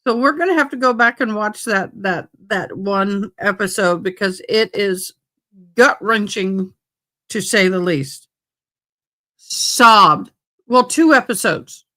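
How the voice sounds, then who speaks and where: A woman's voice: mid-range voice, slow pace, sharp tone. A woman hosting a livestream, chatting casually and informally to her viewers in a folksy way. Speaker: livestream host.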